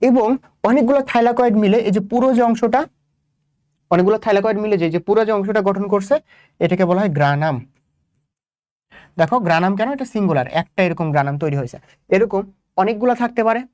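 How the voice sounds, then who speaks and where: Young bangladeshi guy tutoring biology, rattles along fast, keeps asking the class questions, dry close mic. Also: sits high, darkish tone, no echo. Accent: Bangladeshi Bengali. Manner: repetitive, quizzing students with rhetorical questions. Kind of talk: exam-prep lecture.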